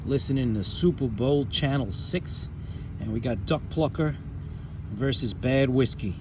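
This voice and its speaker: A man's voice: medium pitch, measured pace, background noise. A man presenting a video like a radio DJ, with an announcer's showmanship. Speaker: host.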